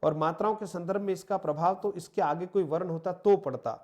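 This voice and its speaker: A man's voice: sits high, brisk, dark tone. A man teaching an online exam-prep lesson, patiently explaining step by step and counting syllables aloud. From India. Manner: addresses listeners as friends, explains step by step with slides. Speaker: Hindi teacher.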